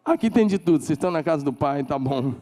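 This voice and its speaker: A man with a Brazilian Portuguese accent preaching a sermon as pastor, emphatic, leading call-and-response and climbing to shouted declarations. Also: fairly high pitch, lively intonation, fast. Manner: leads the congregation in call-and-response.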